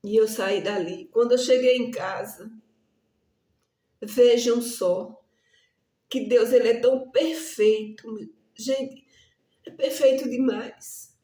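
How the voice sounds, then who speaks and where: A woman's voice: a little high, steady tone, slow pace, long pauses, warm tone, roomy sound. A woman preacher telling a testimony in an earnest, emotional sermon style, often calling out to her listeners. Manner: earnest, addresses the listeners as "amados".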